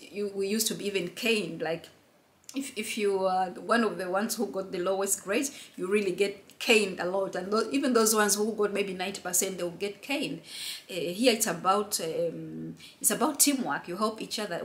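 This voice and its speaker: A middle-aged woman from Uganda, chatting casually and earnestly to camera as a friendly vlogger. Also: mid-range voice. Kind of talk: casual vlog chat to camera.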